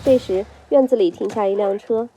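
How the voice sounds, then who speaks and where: A woman narrating a film recap in a brisk storytelling delivery, reading a script. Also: medium pitch, warm tone, faint music behind.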